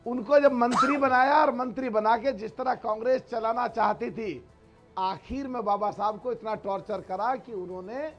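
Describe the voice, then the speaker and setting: A man's voice: very high-pitched, dull audio. A man arguing insistently as a panelist in a heated TV debate, repeating words for emphasis. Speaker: political panelist.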